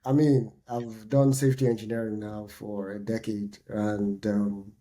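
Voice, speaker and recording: Man, 30s, mellow low voice, easygoing podcast co-host. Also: a little slow. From Nigeria. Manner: relaxed, chatty, says "man" often. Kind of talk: casual chat.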